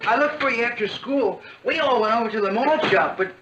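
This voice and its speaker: An actor playing an earnest, jealous teenage boyfriend in a 1960s TV sitcom. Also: male voice, very high-pitched, animated, a little fast, over loud music. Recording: dull old TV soundtrack.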